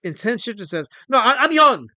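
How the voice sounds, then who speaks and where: A man in his forties hosting a casual livestream, excitable and rambling as he reads chat messages aloud. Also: very high-pitched, a little fast, dry recording. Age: 40s. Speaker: livestream host.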